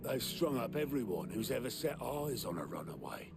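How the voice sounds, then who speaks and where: An actor playing a blunt, gruff quartermaster in a video game. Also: male voice, medium pitch, sing-song, normal speed. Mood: grim. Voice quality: gravelly, blunt. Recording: game audio with music behind.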